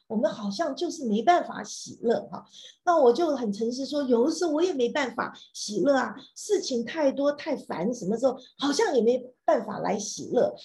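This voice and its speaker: A woman delivers a sermon in a high voice that swings widely in pitch. She leans on repeated phrases and fillers and slips English words in. At times she shouts out praise. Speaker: preacher.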